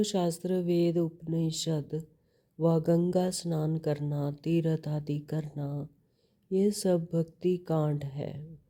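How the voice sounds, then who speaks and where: A woman gives a devotional sermon in a low, dark, mellow voice. She speaks slowly and patiently, repeating key phrases. She poses rhetorical questions as she explains a scripture reading. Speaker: spiritual teacher explaining a daily scripture reading.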